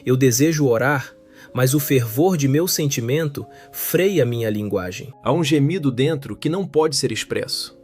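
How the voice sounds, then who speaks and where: A man narrating a translated sermon in a solemn, measured preaching manner. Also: medium pitch, animated, a little mellow, faint music behind. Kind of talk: scripted sermon reading.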